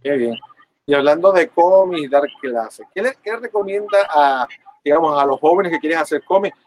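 A man's voice: on the high side, animated, moderate pace, a little mellow, slight background noise, low-quality recording. A man with a Puerto Rican accent hosting a casual interview, friendly and chatty, often voicing agreement. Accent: Puerto Rican Spanish. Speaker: interviewer host.

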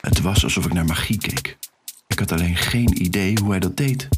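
A man's voice: sits low, normal speed, music in the background, natural voice. An actor playing an anxious, self-conscious young man, narrating an audio drama in the first person with a wry, rueful manner. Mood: wondering. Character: anxious young man, shy secret dancer. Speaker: narrator and lead character.

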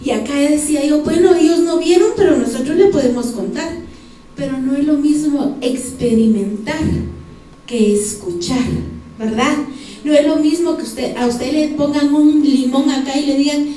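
A woman's voice: high-pitched, normal speed, dark tone, slight background noise. A woman with a Guatemalan Spanish accent preaching a sermon in a church, speaking straight to the congregation and asking them for examples. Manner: addresses the congregation directly, asks them for examples. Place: church sanctuary. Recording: echoey church hall from far off.

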